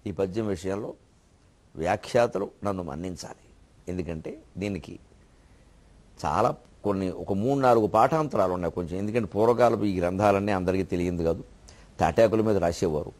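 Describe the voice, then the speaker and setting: A man's voice: sits low, darkish tone. A man giving a devotional discourse as a spiritual lecturer, explaining the meanings of words in a teacherly manner. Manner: teacherly, explains word meanings, chants verses slowly.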